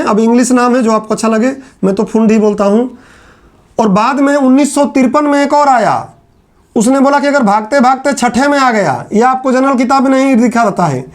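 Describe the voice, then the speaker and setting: A man with a notably high voice delivers a classroom lecture, speaking conversationally to his students. He repeats key phrases again and again to drive a point home, keeping the explanation simple and chatty. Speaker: teacher.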